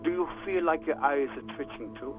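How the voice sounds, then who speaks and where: Spöttischen, gelangweilten Polizeiarzt. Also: male voice, a little high, brisk, soft background music. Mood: sardonic. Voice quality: dry, dismissive and sardonic. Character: sarcastic, bored male police doctor. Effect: radio transmission. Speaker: station doctor. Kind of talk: video game voice acting. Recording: tinny radio line.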